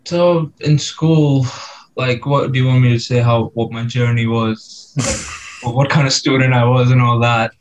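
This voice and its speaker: A man's voice: mid-range voice, steady tone, unhurried, rough recording. A twenty-year-old man from India, a guest on a podcast, chatting casually and laughing often. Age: 20s. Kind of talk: casual chat.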